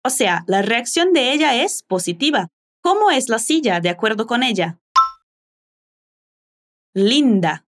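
High, animated woman teaching a lesson. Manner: slow, careful modeling of pronunciation. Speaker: language teacher and host. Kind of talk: language lesson with repetition drills.

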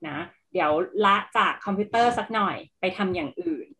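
A woman's voice: on the low side, brisk, sharp tone. Woman guest explaining stuff, asks questions back, mixes in english words. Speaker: guest expert on stress. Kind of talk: explanatory interview talk.

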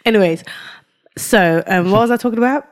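A woman with a medium-pitched voice speaks a little fast as a podcast co-host in casual banter. She habitually uses slang, often saying "fam" and "yeah," and explains things through examples and asides.

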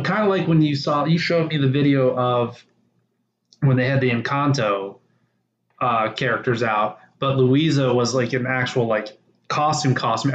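A man co-hosting a casual podcast chat, rambling and teasing, often breaking off mid-thought. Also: medium pitch. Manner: rambling, self-interrupting, teasing. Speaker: podcast co-host. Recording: roomy, dull lo-fi sound.

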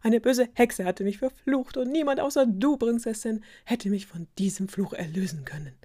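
A woman voicing an eager young prince, excited and loud, in a spoken fairy tale. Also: fairly low pitch, normal speed, breathy edge.

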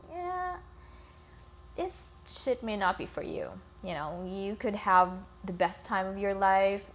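A woman from the Philippines hosting a casual, informal solo podcast, recorded on a phone with scratching in the background. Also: medium pitch. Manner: informal, swearing, addresses listeners as guys. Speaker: podcast host. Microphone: iPhone.

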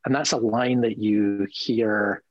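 A man speaking as a lawyer guest in a conversational interview, earnest and animated, often repeating words as he thinks aloud. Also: on the low side, takes it slowly, no echo, lo-fi sound.

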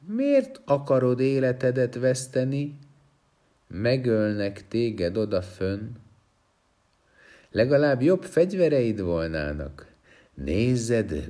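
A man voicing a coaxing male stone man who slowly tempts a prince with magic weapons in a storybook tale. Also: on the low side, a little mellow, breathy edge, pitched above the performer's own voice. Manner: sweet-talking, slow and tempting.

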